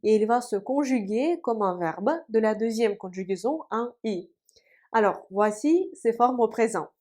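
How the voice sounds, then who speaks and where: A woman language teacher giving a video lesson, explaining carefully and repeating each word slowly for practice while writing on a board. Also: fairly high pitch, lively intonation, darkish tone.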